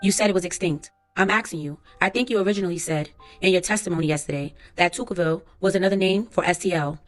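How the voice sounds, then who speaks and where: A woman's voice: on the low side, fast talker, natural voice. A woman reading aloud a court transcript as the lines of a lawyer, who asks formal, methodical questions, with faint music behind her.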